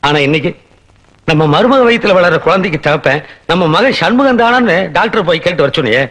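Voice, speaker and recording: A man's voice: high voice, expressive, fairly quick. Blustering henpecked father-in-law. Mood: plaintive. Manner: grumbling, shouts and threatens. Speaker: actor playing a rich bearded father-in-law. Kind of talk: film comedy dialogue.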